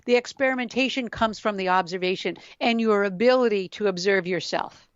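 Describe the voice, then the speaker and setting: Middle-aged woman guest, smooth resonant voice, thoughtful explaining tone, slightly muffled dry recording. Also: mid-range voice, fairly quick, no room sound. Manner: reflective, explanatory, laughs easily. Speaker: yoga scientist guest. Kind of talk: conversational podcast interview. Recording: dull lo-fi dry sound.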